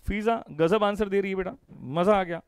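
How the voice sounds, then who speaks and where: A man with an Indian English accent teaches an online class in a slightly high voice, the sound close and dry. He jokes with students by name, repeats key phrases back and forth, and asks a question and then answers it. He switches freely between Hindi and English terms. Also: moderate pace, clear, resonant tone, no echo. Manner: repeats key phrases in call-and-response drills. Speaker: commerce teacher. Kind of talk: live online revision lecture.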